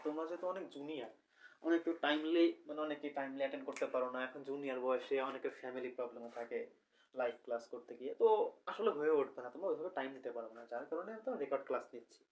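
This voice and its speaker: Recorded from afar with low quality and a bit of hiss or hum, this young man speaks in a mid-range voice. In his chemistry lecture he works through the material step by step, quizzing the class and correcting himself as he goes.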